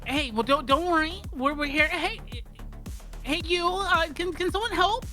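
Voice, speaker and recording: A woman's voice: on the high side, animated, moderate pace, pushed and bright, faint music behind. A woman voicing a flustered, clumsy character who stammers and apologizes.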